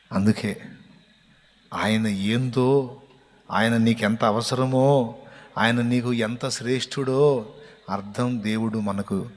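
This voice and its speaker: A man's voice: mid-range voice, darkish tone. A male pastor preaching a sermon with emphatic repetition that rises to fervent cries of praise. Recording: long hall reverb.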